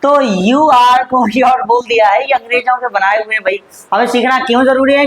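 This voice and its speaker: A man with an Indian accent teaching English, repeating phrases slowly and coaxing his students. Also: very high voice, fairly bright tone, rough recording. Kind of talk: classroom-style lesson, drilling phrases.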